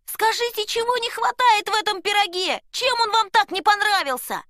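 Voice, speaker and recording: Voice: very high-pitched, normal speed, pushed and bright, no echo, studio quality, pitched above the performer's own voice. A storyteller voicing a frightened little dwarf cook who begs desperately for his life in a storybook reading. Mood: pleading. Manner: pleading, desperate.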